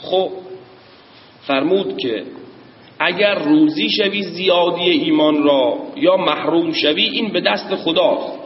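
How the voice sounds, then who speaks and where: A man preaching a sermon, telling a story and reciting sayings slowly before explaining them in plain speech. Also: a little high. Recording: roomy, distant hall recording, dull sound.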